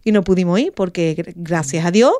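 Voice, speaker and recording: A woman's voice: on the low side, a little fast, dry recording. Woman on the radio telling a story, acts out all the voices, dry close sound. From Andalusia, Spain. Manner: animated, acts out quoted dialogue. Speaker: radio guest. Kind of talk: emotional storytelling in a radio talk.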